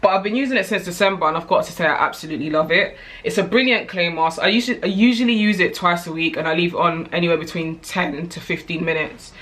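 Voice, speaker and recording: A woman's voice: fairly low pitch, quick pace, few pauses, a bit bright. A British woman in her thirties chatting candidly to camera as a vlogger, rambling with frequent asides. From United Kingdom. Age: 30s. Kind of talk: casual chat to camera.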